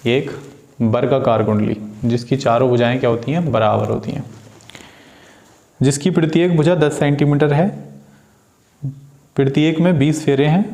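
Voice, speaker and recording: Working patiently through solved problems, a man teaches physics in a mellow, medium-pitched voice. He poses his own questions and supplies the answers, addressing the students as beta throughout the classroom lesson.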